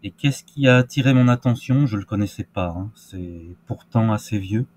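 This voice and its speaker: A man's voice: fairly low pitch, normal speed, a little mellow. A man giving casual crypto market commentary, hesitant with many fillers and restarts. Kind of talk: casual screen-share market analysis.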